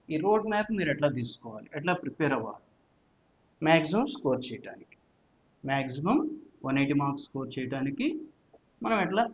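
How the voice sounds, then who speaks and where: A male physics teacher with a Telugu accent talks students through exam prep, mixing Telugu and English and repeating points with check questions. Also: fairly high pitch. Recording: dull, lo-fi audio.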